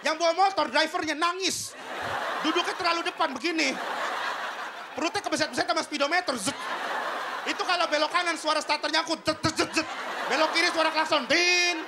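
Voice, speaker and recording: A man's voice: very high voice, quick pace, background noise. A man doing a stand-up comedy routine on a TV stage, telling a story with vocal sound effects. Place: television studio stage with audience.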